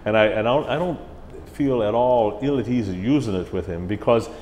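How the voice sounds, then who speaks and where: A middle-aged man, a music director in an interview, telling stories in a chatty, animated way. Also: fairly low pitch, normal speed. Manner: chatty, animated, slips into mimicked voices. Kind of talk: casual interview storytelling. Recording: roomy hall echo with faint ambient hiss.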